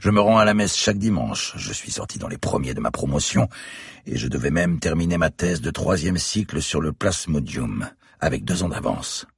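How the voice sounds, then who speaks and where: A cold young masked killer taunts his captive in a very deep, gravelly, husky voice, as a male audiobook reader puts him on. He speaks slowly and deliberately, sneering at every word, and the recording is close and dry. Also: very animated, no room sound, exaggerated voice. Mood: brooding.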